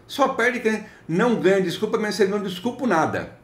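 Brief: Brazilian male tech vlogger, mocking and scolding, wide pitch swings, echoey room. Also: animated, a little fast. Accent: Brazilian Portuguese. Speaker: IT technician vlogger. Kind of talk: ranting commentary reading client messages. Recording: roomy echo.

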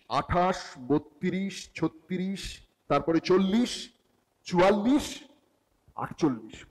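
Brief: middle-aged male teacher, high voice, patient step-by-step lecture, long hall reverb. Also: a little mellow. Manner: explains step by step, addressing students directly. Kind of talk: classroom lecture.

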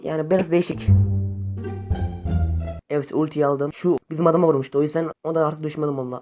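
A young man chatting casually to his viewers over phone gameplay, excitable and friendly. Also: fairly high pitch, highs cut off. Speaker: gaming YouTuber. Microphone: phone camera facecam.

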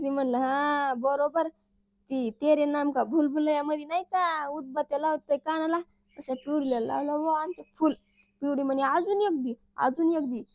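A woman's voice: high voice, dry recording. A woman narrating a family vlog as a teasing, chatty comic storyteller who acts out the lines she quotes. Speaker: family vlogger.

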